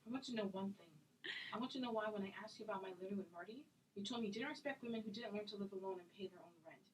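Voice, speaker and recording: A woman's voice: medium pitch, slight background noise, lightly acted, poor audio. A woman acting a self-taped drama scene as a hurt, indignant friend, intense and accusatory in her delivery. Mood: hurt, accusing. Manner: accusatory, intense, rapid-fire.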